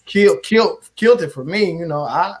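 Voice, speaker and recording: Animated St. man telling stories. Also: sits high, a little fast. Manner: animated, swearing storyteller. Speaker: community organizer. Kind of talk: casual chat.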